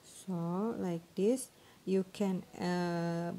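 A woman giving an informal phone tutorial, speaking halting broken English and groping for words. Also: fairly low pitch, fairly even intonation, mellow. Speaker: tutorial presenter. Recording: noisy amateur phone screen recording.

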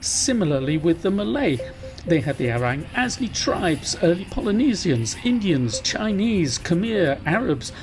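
A man's voice: high-pitched, very animated, a little slow, over music. A British man in his sixties, narrating a travel vlog outdoors at arm's length with dry, wry asides. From Britain. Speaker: travel vlogger. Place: outdoors at historic sites and in a car. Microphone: camera held at arm's length.

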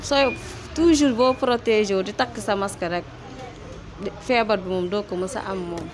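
A woman's voice: mid-range voice, moderate pace. A young woman from Senegal, a hairdresser interviewed in a salon, explaining things insistently. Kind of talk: street interview. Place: hair salon, indoors. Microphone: handheld mic held close. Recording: clear background noise.

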